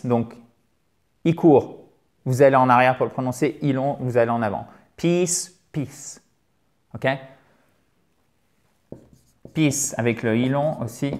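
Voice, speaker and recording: A man's voice: medium pitch, darkish tone. A man teaching English pronunciation in an online lesson, playfully stretching vowel sounds to demonstrate them and often checking in with his listeners.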